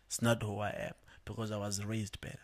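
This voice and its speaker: Laughing and repeating himself while he explains his tracks, a rapper talks casually in a podcast studio interview. He has a fairly low, monotone voice and speaks a little fast.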